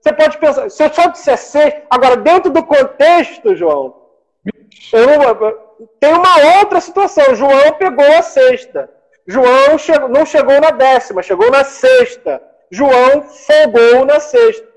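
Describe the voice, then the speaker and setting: A man's voice: very high voice, expressive, normal speed, rough recording. A man, co-hosting a casual theological discussion, explaining in a mildly ironic way. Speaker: podcast co-host, theology teacher.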